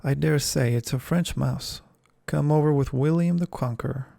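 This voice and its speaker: An earnest, chatty young girl, polite and eager to please, as a man reading a storybook softly puts her on. The voice stays low-key and mellow with a gravelly texture. It is a whispered role-play, dry and close to the mic. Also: moderate pace, no room sound. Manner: earnest, eager, soft-spoken.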